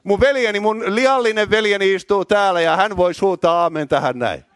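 Loud, high-voiced preacher man. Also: no echo, studio quality. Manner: shouting, excitable, repeats words when worked up. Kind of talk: loud charismatic sermon.

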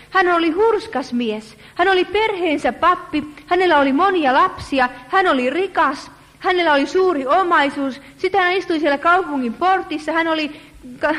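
A woman preacher giving an earnest sermon, speaking to her listeners as friends and slowing down to stress her points. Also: high voice, fairly bright tone. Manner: earnest, addresses listeners as friends, slows for emphasis. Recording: reverberant hall.

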